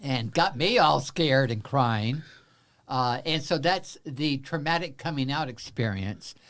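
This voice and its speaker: The speaker is a Central Texas man in his seventies sharing his life story during an interview, where he's a guest. His medium-pitched, slightly bright voice carries lively intonation, though he's halting and uses many fillers, all with a wry humor.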